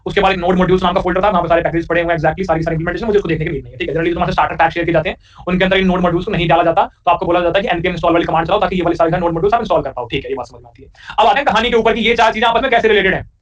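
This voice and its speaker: Male coding teacher: very fast, fairly high, keeps asking the class questions, joking asides; distant, dull lo-fi mic. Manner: rapid, repeats questions back to students, joking asides. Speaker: programming teacher. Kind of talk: live coding lecture.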